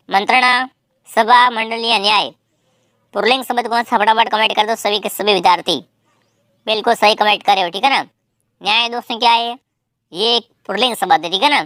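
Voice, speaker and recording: Brisk higher-voiced woman teacher, dry sound. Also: a bit bright, dry recording. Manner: brisk, keeps prompting viewers to comment; calls viewers friends, repeats questions and answer options. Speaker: exam-prep teacher. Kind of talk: online quiz lesson.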